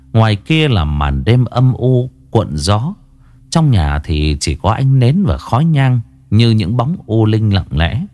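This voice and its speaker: A man's voice: on the low side, darkish tone. A man narrating a ghost story in a dramatic, ominous storytelling manner. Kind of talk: scripted horror story narration.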